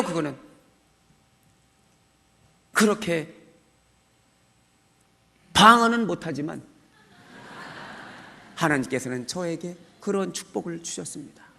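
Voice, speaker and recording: A man's voice: very high voice, bright, forceful tone. A middle-aged man, a church deacon, giving a testimony with dramatic acted-out prayers and cries of amen. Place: church service hall. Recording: long church hall reverb.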